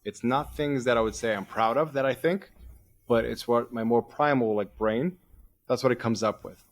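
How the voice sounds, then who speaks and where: A man's voice: mid-range voice, normal speed. A man on a podcast explaining a coaching method, often quoting his own inner thoughts as he goes. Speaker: performance coach. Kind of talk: podcast interview, coaching talk.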